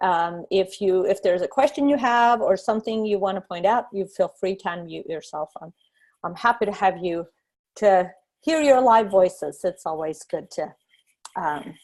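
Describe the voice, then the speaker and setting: A Swedish design instructor gives a relaxed lecture over a video call, her mid-range voice full of fillers and restarts.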